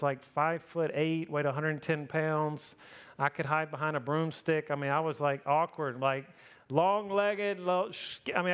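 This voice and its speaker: A man's voice: a little high, smooth. Self-mocking man preaching a personal story. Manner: conversational, self-deprecating, often asks the crowd "right?".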